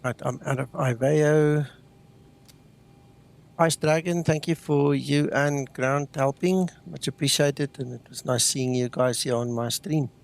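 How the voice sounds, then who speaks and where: A man's voice: medium pitch, unhurried, gravelly. A man streaming a flight simulator, chatting casually with viewers and thanking them often. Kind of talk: casual live-stream chat.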